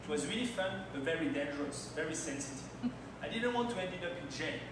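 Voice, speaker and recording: Speaking quickly with lively intonation and a slightly high voice, a French man in his thirties shares personal anecdotes in English, his second language, during a timed slide talk at a launch party, his phrasing non-native. The recording comes from a distant mic in a very echoey, noisy event hall.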